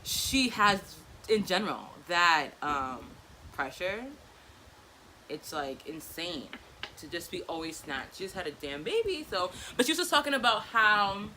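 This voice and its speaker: A woman's voice: on the low side, very animated, measured pace, sharp tone, slight background noise, poor audio. A woman, chatting casually and animatedly in slangy bursts while she does her makeup. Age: 20s. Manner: talking distractedly while applying makeup. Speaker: vlogger. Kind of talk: casual get-ready-with-me chit chat.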